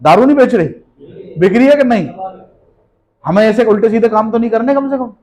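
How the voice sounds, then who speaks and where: His pitch is extremely high, his pace a little fast, and his tone a little mellow, all captured in a rough recording. A motivational business speaker, he lectures a live seminar audience with rhetorical questions, scolding emphatically and repeating key phrases.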